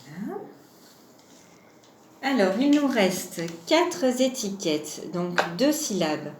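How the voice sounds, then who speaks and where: A woman gives a gentle preschool lesson at a slow, patient pace, pausing to ask the child questions and drawing out each syllable. Her voice sits in the middle of the usual range. The recording sounds roomy, with a faint hum of ambience behind her. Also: medium pitch, very animated. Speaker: preschool teacher. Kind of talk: home-schooling lesson for young children.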